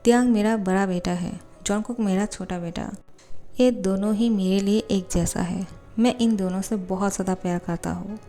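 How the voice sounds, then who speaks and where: A woman's voice: mid-range voice, fairly even intonation, normal speed, warm tone, faint music behind, close to an everyday voice. A woman reading the part of a stern, lecturing father in a fan fiction voiceover. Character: stern middle-aged father.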